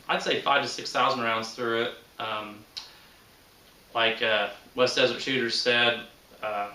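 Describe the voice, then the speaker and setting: Speaking with a medium pitch that sounds pushed and bright, this thirty-something host of a shooting hobby channel talks to his viewers in an unscripted, easygoing way. His manner is folksy, his grammar rural and colloquial. A distant mic picks him up in an echoey room, with a little background noise.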